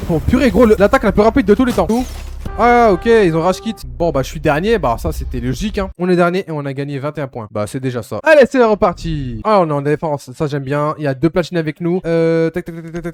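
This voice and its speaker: A man giving excitable, slangy live commentary to his viewers while playing a shooter game. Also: a little high. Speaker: gaming YouTuber.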